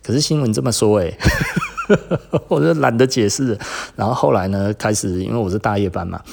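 A man with a Taiwanese Mandarin accent, hosting a podcast and telling a story in a casual, animated way, getting louder and higher when he is indignant. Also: moderate pace, gravelly, slightly rough. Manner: animated retelling with frequent sentence-final particles; rises in pitch and volume when indignant. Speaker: podcast host.

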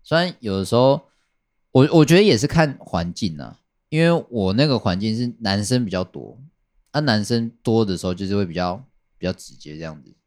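A man's voice: on the low side, expressive, brisk, darkish tone. A man chatting casually on a podcast, rambling and repeating his phrases with many fillers. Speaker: podcast guest telling a work story.

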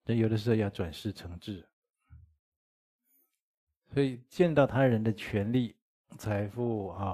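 A man's voice: lowish voice, dark tone, husky. A man giving a dharma lecture as a Buddhist teacher, speaking conversationally, chuckling and asking his listeners rhetorical questions.

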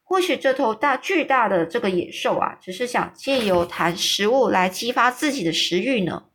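A woman's voice: a little high, lively intonation, moderate pace, fairly bright tone, a little hiss or hum. A woman reading a children's book aloud in a chatty way, with many sentence-final particles. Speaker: storyteller.

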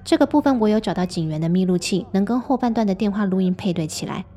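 A woman hosting and narrating a true story in a measured, scripted storytelling manner. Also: medium pitch, expressive, warm tone. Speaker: host and narrator.

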